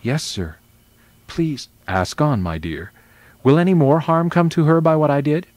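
A man's voice: a little high, measured pace, darkish tone, dry recording, pitched above the performer's own voice, close to an everyday voice. A man voicing a polite, earnest young girl in a children's story read aloud, speaking timidly and respectfully. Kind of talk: reading a children's novel aloud.

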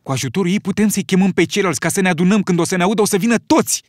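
A man reading an audiobook, voicing a chubby, anxious boy with glasses in a high, breathless, excitable voice. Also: no room sound, clean studio sound. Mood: excited.

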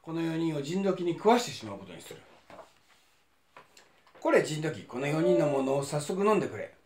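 Gruff king of hell, put on by a man, high-pitched bluster, Kansai accent, scolding, echoey. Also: very animated, normal speed, darkish tone, a little hiss or hum. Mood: stern. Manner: booming, scolding, impatient.

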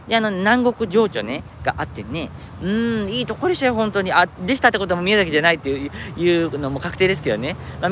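A man live-streams from a city park, chatting casually and answering viewer comments. He laughs at himself often, and his pitch swings all over the place. The recording carries clear street noise and passing vehicles. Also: a bit bright. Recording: outdoor traffic noise. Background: street traffic.

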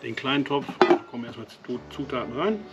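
This brisk, lively man has a medium-pitched voice with a Westphalian German accent, and he comes from Westphalia. Standing outdoors at a camp stove, he casually explains a cooking demonstration, with fillers and little self-corrections. The recording is muffled and very noisy, with music and cooking sizzle behind him.

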